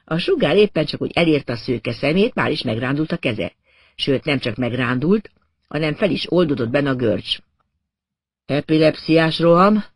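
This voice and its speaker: A man narrating a first-person crime novel as an audiobook, in a wry, measured way. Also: mid-range voice, expressive, husky.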